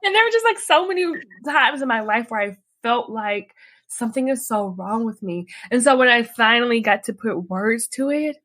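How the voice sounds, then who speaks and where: A woman guest in a candid podcast interview, talkative and expressive, often laughing as she tells stories about herself. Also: fairly high pitch, moderate pace, no room sound.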